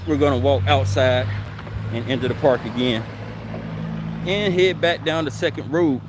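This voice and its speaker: A man vlogging outdoors with his voice muffled by a face mask, chatting in a relaxed, rambling way and often correcting himself. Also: mid-range voice, normal speed, background noise. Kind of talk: casual walking vlog chat. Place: outdoors on city streets and in a park.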